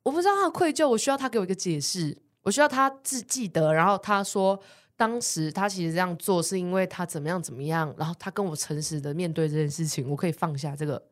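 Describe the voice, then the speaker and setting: A woman chats on a podcast in a slightly low voice. She tells her story with animated energy, often laughing and playing out the voices of the people she quotes. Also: quick pace. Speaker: podcast co-host. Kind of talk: casual chat, storytelling.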